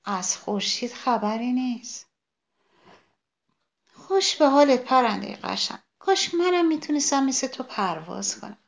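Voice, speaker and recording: A woman's voice: high-pitched, expressive, creaky, pitched above the performer's own voice. A woman voicing a sad, lonely young sunflower who talks in a plaintive, wistful, pleading way.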